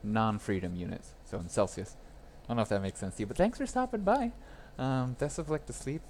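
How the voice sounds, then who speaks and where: A young man live-streams himself repairing a phone at his workbench, talking casually with viewers and laughing as he rambles. His mid-range voice moves fairly quickly and sounds a little mellow, over slight background noise.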